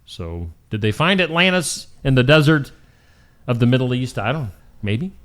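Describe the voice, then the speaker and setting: A man's voice: medium pitch, very animated, moderate pace, fairly bright tone. A man hosting a morning show, reading out weird news stories in a jokey, casual way. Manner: jokey, reads stories aloud and laughs at them.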